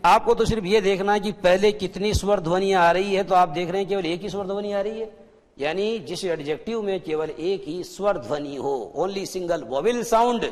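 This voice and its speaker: Male teacher, high-pitched, asks and answers his own questions, reverberant hall sound. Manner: explains slowly, asks pupils questions and answers them himself. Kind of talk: classroom grammar lesson.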